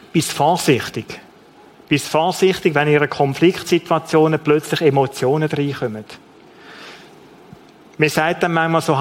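A man with a Swiss German accent preaching a sermon in an earnest way, often repeating key phrases for emphasis. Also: a little high.

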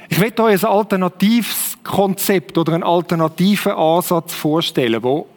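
A man with a Swiss German accent preaching a conversational sermon in a church hall, often asking the listeners rhetorical questions. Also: a little high. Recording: long hall reverb.

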